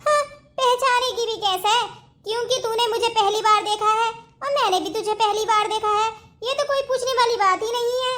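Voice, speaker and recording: A woman's voice: extremely high pitch, fairly even intonation, normal speed, fairly bright tone. A woman voicing a cheeky young cartoon friend.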